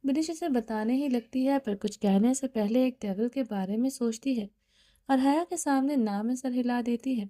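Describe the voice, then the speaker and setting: A woman reading a novel aloud in a steady, even storytelling manner. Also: a little high, dry recording, studio quality. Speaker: novel reader.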